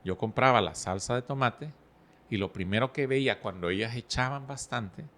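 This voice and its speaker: A middle-aged man appears as a guest in a relaxed podcast conversation, speaking calmly and in a measured way at an ordinary pitch. He explains his ideas through personal stories and everyday analogies.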